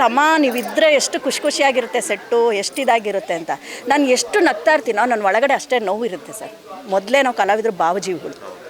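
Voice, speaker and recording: Brief: middle-aged woman, Kannada accent, heartfelt and measured, outdoor interview with a clear crowd behind. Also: on the high side. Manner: heartfelt, measured, often addresses interviewer as sir. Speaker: actress interviewed about her son. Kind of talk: emotional interview.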